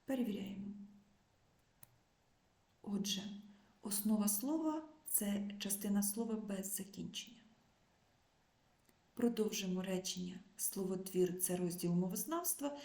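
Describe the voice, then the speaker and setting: Жінка-вчителька, розмірено диктує у гулкій кімнаті. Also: female voice, mid-range voice, lively intonation, mellow. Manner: clear, measured dictation of word pairs. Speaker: teacher. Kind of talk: remote school lesson. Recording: echoey room.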